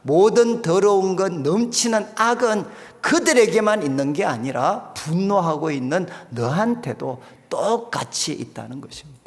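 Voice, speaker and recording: A middle-aged male pastor preaching a sermon in a church, telling a personal story and swinging between loud emphasis and quiet asides. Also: high voice, lively intonation, normal speed, hardly any pauses. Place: church sanctuary. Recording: long hall reverb.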